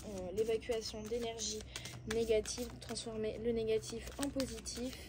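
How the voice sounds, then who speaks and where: A woman's voice: a little high, flat delivery, moderate pace, background noise. Belgian woman giving frank card guidance. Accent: Belgian French. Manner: talks straight to viewers, coaxing and blunt, with frequent hesitations. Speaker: oracle card reader. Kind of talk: casual spiritual card-reading guidance.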